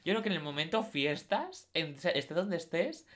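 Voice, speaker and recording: A man's voice: fairly high pitch, big pitch swings, normal speed, fairly bright tone. A young man from central Spain teasing and joking with friends in a casual chat. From Valdepeñas, Ciudad Real, Spain. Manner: teasing, sarcastic.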